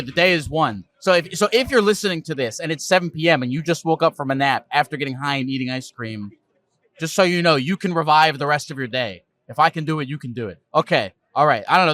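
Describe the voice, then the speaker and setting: Rambling deadpan male host, street interviews outdoors in a park, slightly high voice, dry close sound. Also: no echo. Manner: rambling, deadpan comic monologue. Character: man in a gecko costume.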